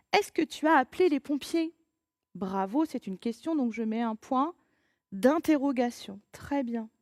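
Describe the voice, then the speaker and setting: A woman teacher giving a recorded grammar lesson to children, patient and encouraging, reading example sentences with lively emphasis. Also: a little high, dry recording, studio quality.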